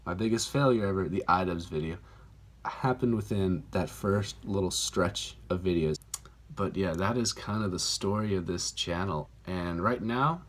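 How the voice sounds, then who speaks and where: A man with a fairly low voice chats casually to his viewers. He rambles and pokes fun at himself, with plenty of "like" and "you know". It sounds like a phone mic. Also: normal speed, slight background noise. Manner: rambling, self-deprecating, filler-heavy. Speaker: YouTuber, channel host. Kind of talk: casual vlog talk to camera. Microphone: phone camera mic.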